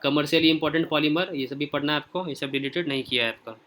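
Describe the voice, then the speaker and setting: A man leads a casual online lesson with a bright, forceful voice. He talks straight to his students and checks in often as he moves through the pages. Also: on the high side, steady tone, fairly quick. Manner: informal, repeats "okay" often while scrolling through pages; speaks directly to students. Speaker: teacher. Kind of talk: casual screen-share lesson.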